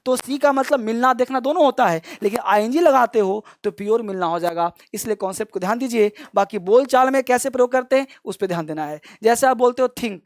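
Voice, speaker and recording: A man's voice: extremely high pitch, fairly quick, hardly any pauses, no echo. A male teacher giving a classroom grammar lesson, explaining step by step and repeatedly telling students to pay close attention. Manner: addresses listeners as kids, explains step by step.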